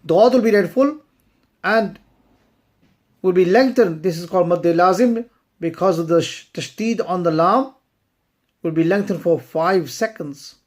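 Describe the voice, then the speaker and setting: A woman teaching recitation, chanting verses slowly and then explaining pronunciation rules in brisk spoken asides. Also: on the low side. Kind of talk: slow tajweed lesson.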